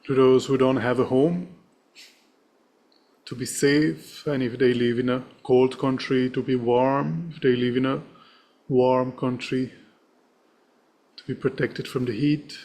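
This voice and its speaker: A man leading a guided meditation as its teacher, speaking in a serene, gentle and measured manner. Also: mid-range voice, little pitch movement.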